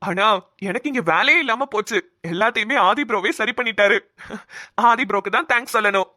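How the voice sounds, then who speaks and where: A woman voicing a calm young man in a cartoon, explaining things in a soothing way. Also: fairly high pitch, brisk, heavy background noise, close to an everyday voice. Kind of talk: cartoon voice acting.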